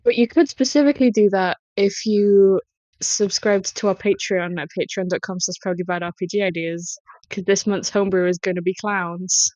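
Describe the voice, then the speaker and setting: A woman's voice: mid-range voice, moderate pace, a little mellow, no room sound, muffled recording. A woman hosting a podcast in casual, conversational talk. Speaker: podcast host.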